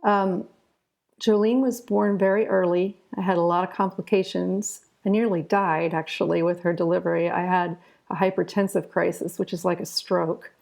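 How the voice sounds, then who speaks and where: This retired doctor turned writer, a fortysomething American woman from southern Ohio, shares personal stories conversationally while being interviewed. Her fairly low voice is creaky and darkish, steady in tone, at a moderate pace. She's candid and casual, with frequent "you know"s.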